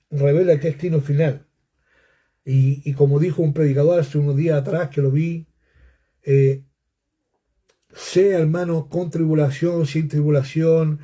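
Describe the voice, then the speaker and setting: A man's voice: fairly high pitch, mellow, slightly rough. A man preaching a sermon, earnestly repeating phrases and asking his listeners for agreement. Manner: earnest, repeats phrases, asks the congregation "¿no es cierto?".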